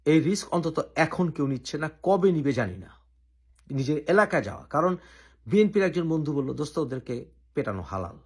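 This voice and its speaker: A man from Bangladesh hosting his own channel, giving an opinionated political commentary and laying out his argument point by point with deliberate pauses. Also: a little high, animated, a little mellow, slightly rough.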